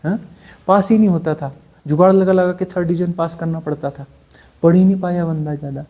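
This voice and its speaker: A spiritual teacher giving a satsang discourse, talking conversationally and bluntly, often pausing to ask his listeners for agreement. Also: sits high, steady tone, mellow. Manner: conversational, keeps asking "है ना?" for assent; blunt and dismissive, mocking.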